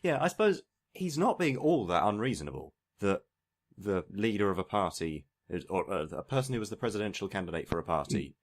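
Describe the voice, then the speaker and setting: A man co-hosting a podcast, chatting casually about politics, mostly short agreeing replies with stretches of measured reasoning. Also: lowish voice, big pitch swings. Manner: brief agreeing interjections, then measured reasoning. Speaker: podcast co-host.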